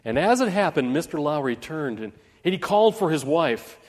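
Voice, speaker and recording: In a church with big-room sound, a man preaches a Christmas sermon, telling a story earnestly and restarting often. His voice is on the high side, very animated, at a moderate pace.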